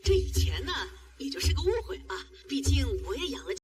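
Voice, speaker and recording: A woman's voice: high-pitched, very animated, brisk, a little mellow. An actress playing a fawning, wheedling older mother-in-law in a film, talking in a sing-song way. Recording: distant voice over background music.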